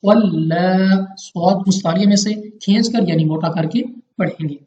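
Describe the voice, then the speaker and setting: A man from Pakistan with a high, dark-toned voice gives a step-by-step tajweed lesson at a moderate pace, patiently going through each recitation rule and repeating it for his students. His voice echoes in a roomy space, and the recording is dull and lo-fi.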